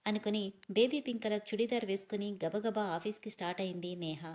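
Female narrator for a read-aloud drama story, plain and steady. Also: mid-range voice, fast.

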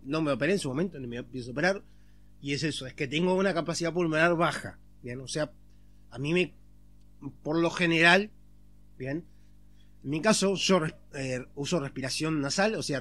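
Man, slightly high voice. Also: a bit bright. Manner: explains step by step, checking in with a frequent "¿bien?"; repeats and restarts phrases while thinking aloud. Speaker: vlogger. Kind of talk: casual monologue to camera.

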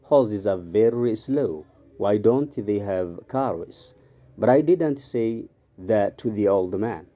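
A man with a Somali accent, a native Somali speaker, who teaches English by reading a story aloud slowly and deliberately with line-by-line translation. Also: lowish voice, animated, dark tone. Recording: slightly dull, lo-fi recording.

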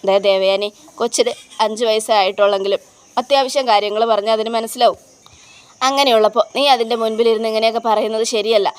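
A calm old grandfather gently lecturing his daughter-in-law, read by a woman in her own voice. The tone is smooth and clear, somewhat high. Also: fast, natural voice. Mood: admonishing. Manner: patient, admonishing.

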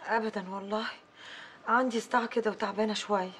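An actor playing a weary, tearful young wife, in Egyptian Arabic. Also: female voice, mid-range voice, fairly even intonation, fast talker, fairly bright tone, slight background noise, close to an everyday voice. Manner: subdued, tearful. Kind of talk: film acting.

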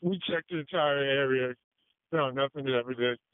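A man from a fire crew calling in brisk, clipped field reports over two-way radio, police radio style. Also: mid-range voice, smooth, no echo. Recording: narrow phone-like field radio.

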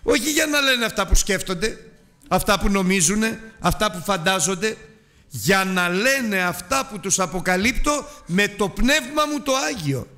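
A man's voice: high-pitched, expressive, sharp tone. A man preaching a Sunday sermon, emphatic, asking rhetorical questions and drawing out key words.

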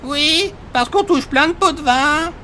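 A cheeky little kid in a game, very high bright granny-ish voice. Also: male voice, unhurried, slight background noise, full character voice. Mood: eager, cheeky. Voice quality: grandmotherly-sounding voice. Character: chatty, cheeky little boy who admires policemen. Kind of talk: acted video game dialogue.

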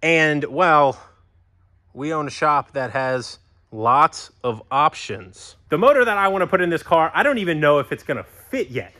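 A man's voice: on the high side, lively intonation, moderate pace, sharp tone, no echo, studio quality. A man hosting a car-build vlog from his shop, talking casually and expressively with a self-mocking streak. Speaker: shop owner and channel host.

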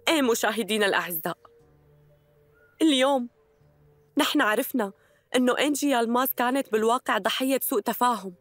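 A woman's voice: fairly high pitch, fast, pauses often, a bit bright, no echo, soft background music, lightly acted. A woman dubbing a bold young woman who hosts her own online show and speaks to her viewers with brash confidence. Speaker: dubbing actress. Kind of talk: Arabic dub of a TV drama.

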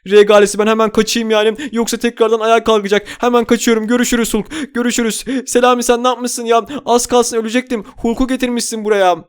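A man hosting a gaming video, giving excitable commentary and constantly addressing his viewers. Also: very high voice, fast, few pauses, clean tone. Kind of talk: game commentary role-play.

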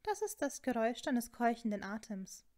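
A woman voicing a sharp-tongued, exasperated young witch who talks in a snappy, indignant way, in a storybook reading. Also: a little high, very animated, moderate pace. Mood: teasing.

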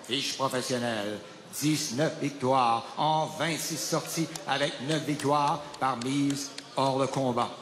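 A man's voice: mid-range voice, steady tone, slow pace, fairly bright tone. A man working as a boxing ring announcer, with a formal, theatrical delivery that stretches out names and titles. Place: large indoor boxing arena, over PA. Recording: echoey arena PA, long reverb, faint noise.

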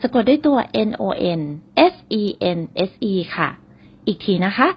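A woman teaching English on a radio show, spelling words out and repeating example phrases slowly. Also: fairly high pitch, very animated, slightly rough, muffled recording. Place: radio studio.

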